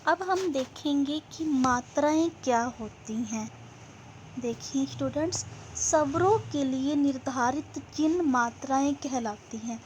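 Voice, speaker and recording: A high-pitched woman teaching a class, speaking slowly and deliberately. She poses questions to her pupils and then answers them herself. A faint hum of noise sits behind her voice. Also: darkish tone. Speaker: school teacher. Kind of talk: classroom grammar lesson.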